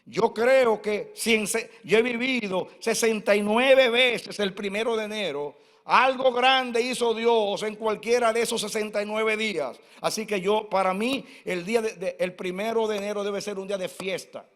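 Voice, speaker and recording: Giving an impassioned, story-driven sermon, a man in his sixties speaks in a high, slightly bright voice at a moderate pace. Long reverb from the church hall follows his words.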